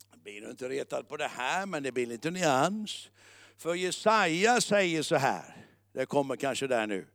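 A man preaching a sermon as pastor, moving between loud declaring and quiet musing, with English words mixed in. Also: high voice, smooth, no echo, studio quality. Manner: mixes English words into the talk.

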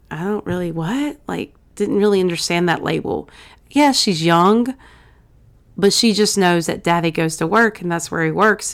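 A woman talks in an earnest, heartfelt way, and her emotions come close to the surface. Her voice sits a little low for a woman. She chats casually as a guest on a podcast. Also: clean tone. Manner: warm, earnest, gets emotional. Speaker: pastor's wife and podcast guest. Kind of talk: casual chat.

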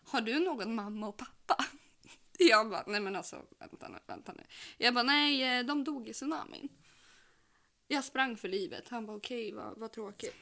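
A young woman with a bright, sharp voice that sits fairly high. She tells a story in casual chat and acts out both sides of the conversation, quick and giggly, in her own voice. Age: young adult.

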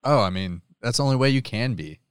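A man's voice: medium pitch, animated, quick pace, clear, resonant tone, no room sound, studio quality. A laid-back man co-hosting a casual sports talk show, agreeable and informative.

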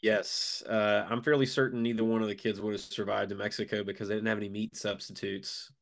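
Man, congested sinus sound, stuffed-up nasal tone, lowish pitch, creaky, casual podcast chat. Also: little pitch movement, a little fast. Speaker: podcast co-host.

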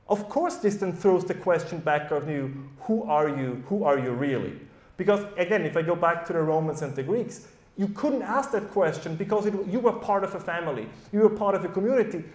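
A man's voice: high voice, darkish tone. A man with a German accent speaking on a live panel to an audience, conversational and often checking in with "right?". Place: event hall at a summer school. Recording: echoey hall.

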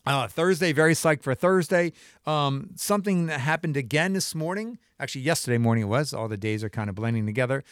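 A man's voice: mid-range voice, animated, a little fast, clear, resonant tone, dry recording, clean studio sound. A middle-aged man hosting his own show in a casual solo monologue, impassioned, full of restarts and rhetorical questions. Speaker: show host.

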